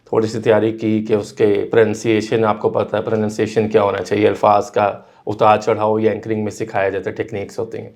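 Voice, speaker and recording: Gravelly-voiced man, earnest. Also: lowish voice, completely flat delivery, hardly any pauses, a little mellow. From Pakistan. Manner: earnest, explanatory, mixes in English phrases. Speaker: guest, radio and TV news anchor. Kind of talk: conversational interview answers.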